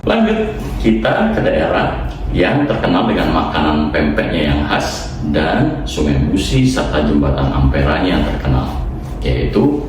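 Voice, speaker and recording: Very deep-voiced young man in an echoey room. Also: sing-song, a little slow. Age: young adult. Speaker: university student presenter. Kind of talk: class presentation. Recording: echoey room, far from the mic, noisy.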